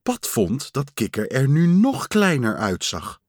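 A man reading a children's story aloud in a slow, lively storytelling manner. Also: mid-range voice, slightly rough, dry recording, clean studio sound. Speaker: storybook reader.

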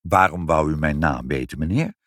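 A man's voice: very deep voice, normal speed, fairly bright tone, no room sound, clean studio sound, pitched below the performer's own voice. A man voicing a hearty, cheerful father in a storybook reading. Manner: hearty, laughing.

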